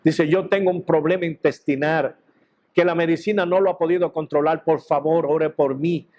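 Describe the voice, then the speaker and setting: Pastor guy preaching his testimony, fervent, acts out the dialogue, kinda high-pitched. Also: steady tone, moderate pace, darkish tone, dull audio. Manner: fervent storytelling, quotes others in dialogue. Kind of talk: testimony sermon.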